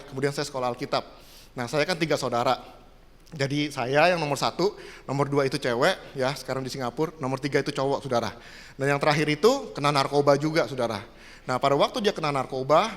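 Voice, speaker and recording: A man with a high, bright voice preaches in a large church hall, and his words ring out in the long echo of the room. He talks to the congregation in a casual, chatty way and keeps checking in with them. His delivery moves from hushed, low-key storytelling to sudden loud surges of excitement. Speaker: pastor. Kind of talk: sermon with personal testimony.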